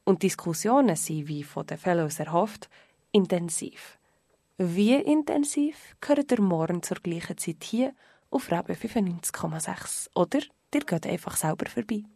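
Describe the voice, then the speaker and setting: A woman narrating a radio report in a measured, clearly articulated way. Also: fairly low pitch, animated, warm tone, dry recording.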